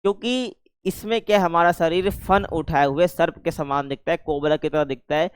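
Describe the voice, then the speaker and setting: A man's voice: fairly high pitch, steady tone, normal speed, clean tone, dry recording. A man teaching a class in a casual, chatty way, often checking whether students follow. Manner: chatty, keeps checking understanding, calls students 'bhai'.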